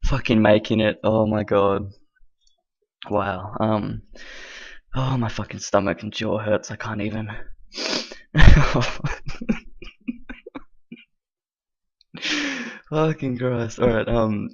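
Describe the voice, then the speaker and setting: A man's voice: fairly low pitch, little pitch movement, unhurried, dull audio. A man hosting a reaction video, laughing and swearing until he is out of breath. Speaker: commentary video host.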